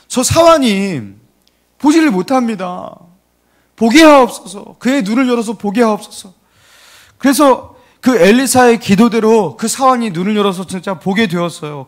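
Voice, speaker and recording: Male pastor, lively storytelling sermon, high and expressive delivery. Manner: animated storytelling, asks the congregation questions. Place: church.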